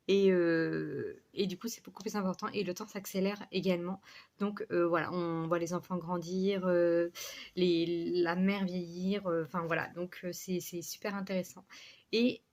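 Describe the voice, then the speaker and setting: A woman's voice: fairly low pitch, flat delivery, moderate pace, a little mellow. A woman chatting casually to her book vlog in a rambling, scatterbrained way, with a slight lisp on her words. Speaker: book vlogger.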